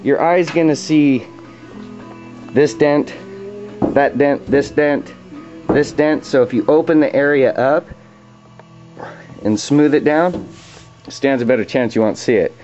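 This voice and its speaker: A plain-spoken man demonstrates DIY auto body repair in an informal, slangy, hands-on tutorial. His voice is a little high, darkish and a bit slow, with long pauses. The audio is dull and lo-fi, with radio music playing in the background.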